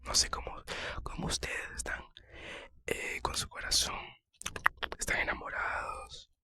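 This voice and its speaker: A man whispers casually in an ASMR style, close to the microphone. The whisper is very bright and sibilant, with hardly any voiced tone. He talks in a personal, slightly hesitant way, pausing softly as he thinks. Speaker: ASMR creator answering viewer questions.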